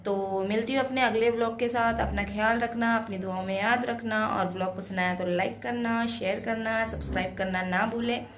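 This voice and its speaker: Chatty woman vlogger with a higher voice. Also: steady tone, normal speed, few pauses. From India. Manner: chatty, addresses viewers directly. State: in pain from dental treatment. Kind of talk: casual home vlog narration. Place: home and hospital, indoors.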